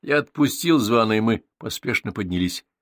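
A man narrating an audiobook in calm, even storytelling. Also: on the low side, normal speed, no room sound. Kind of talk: scripted narration.

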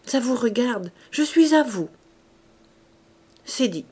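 A woman reading aloud, voicing an old male gardener in a raised, lively, exclaiming voice. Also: on the high side, slow pace, breathy edge, voice pushed up, heavily acted. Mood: devoted. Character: spry old male gardener, eager and devoted.

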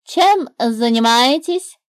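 A woman voicing a bossy, grumbling motherly bird in a storybook reading, speaking high and loud with quick exclamations. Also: animated, no echo. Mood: indignant bossy.

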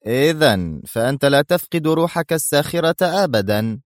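A man reads a story aloud, voicing a stern, gloating mercenary general who turns angry, with firm delivery and angry bursts. His voice is fairly high and animated at a moderate pace, pitched above his own natural voice yet close to an everyday one. The studio-quality recording has no echo.

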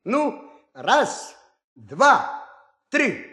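A man voicing a proud, hasty male hare who speaks in an excited, indignant way, for a folk tale. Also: very high voice, drawn-out words, pitched above the performer's own voice, heavily acted. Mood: eager. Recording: roomy echo.

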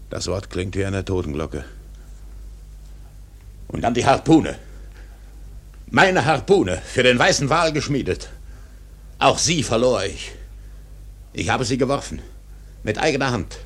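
An actor playing an old, obsessed whaling captain in a radio drama, husky and declamatory, commanding and brooding. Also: male voice, mid-range voice. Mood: brooding, bitter. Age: older. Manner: declamatory, barking orders. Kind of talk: theatrical radio drama acting.

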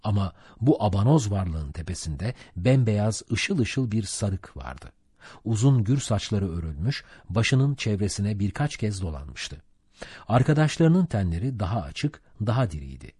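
Husky low male storyteller. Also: very animated, mellow, no room sound, studio quality. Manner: measured storytelling. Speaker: audiobook narrator. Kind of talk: scripted narration.

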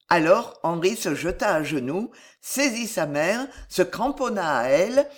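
A narrator reading a historical novel aloud in a measured, expressive way. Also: mid-range voice. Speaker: audiobook narrator.

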